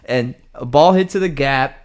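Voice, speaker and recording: A man's voice: mid-range voice, normal speed. A young man hosting a casual chat, joking, laughing often and airing strong opinions. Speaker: podcast host.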